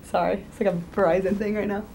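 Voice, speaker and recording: A woman's voice: medium pitch, flat delivery, fast talker, vocal fry, mellow, a little hiss or hum. A young woman, an incoming co-host, chatting lightly and giggling.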